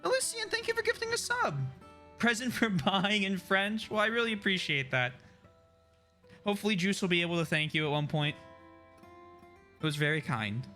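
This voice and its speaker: Bright, lively man streaming a game. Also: sits high, fairly quick, pauses often, soft background music. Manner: chatty, laughs often, reads chat aloud. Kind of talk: casual live-stream chat while gaming.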